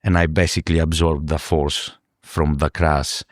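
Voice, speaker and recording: A man from Greece, a podcast guest speaking earnestly in a halting way, often repeating words as he searches for them. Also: a bass voice, level tone, dry recording, clean studio sound. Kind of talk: podcast interview.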